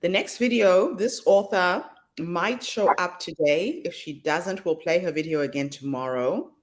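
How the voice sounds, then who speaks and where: A woman hosting an online summit, speaking in a brisk, practical and earnest way. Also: fairly low pitch. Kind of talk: casual chat on a video call.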